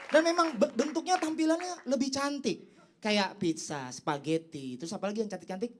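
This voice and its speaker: A young man performing a stand-up comedy set on stage, teasing the crowd and leaping up in pitch for his punchlines. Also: normal speed, noisy background. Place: comedy stage before a live audience. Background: audience laughter and applause.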